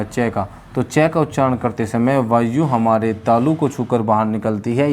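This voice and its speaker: A young man teaching a class, explaining slowly, stretching out sounds and adding light jokes. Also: mid-range voice, darkish tone. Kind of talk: classroom lesson.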